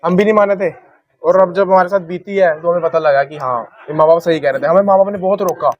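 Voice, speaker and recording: A man's voice: sits high, quick pace, lo-fi sound. A man recounting a frightening ghost experience in casual storytelling, imitating sounds as he talks. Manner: animated retelling with sound imitations. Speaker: podcast guest.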